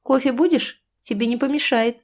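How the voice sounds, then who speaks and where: A woman's voice: high voice, normal speed, a little mellow, pitched above the performer's own voice. A woman reading an audiobook, voicing a scheming, sarcastic young woman who taunts her lover. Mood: mocking.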